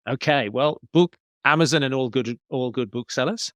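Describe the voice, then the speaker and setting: A man appears as a podcast guest, a business coach, answering interview questions conversationally and explaining things as he thinks aloud. His voice is mid-range and fairly bright, at a moderate pace, on a dry recording.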